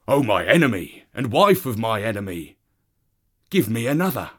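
A man's voice: lowish voice, sing-song, moderate pace, a bit bright, breathy edge, full character voice. A man voicing an eager, hungry wild male dog who pleads for food. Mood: pleading.

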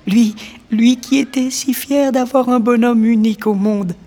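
A performer voicing a sad little paper drawing of a man in a storybook, speaking slowly and plaintively. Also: mid-range voice, fairly even intonation, in a large hall, soft background music. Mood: sorrowful. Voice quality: slow, soft and plaintive. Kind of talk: storybook character acting.

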